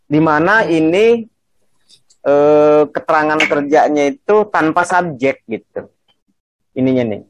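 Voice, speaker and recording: A man's voice: a little high, unhurried, long pauses, dry recording. A man teaching a class on Quranic grammar over a video call, explaining patiently and checking in with his students.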